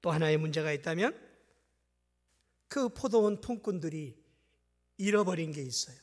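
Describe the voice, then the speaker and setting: High, bright-voiced preacher in a reverberant hall. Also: male voice, lively intonation, moderate pace. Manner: dramatic preaching, swings from hushed asides to loud pleading. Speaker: pastor. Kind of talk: sermon.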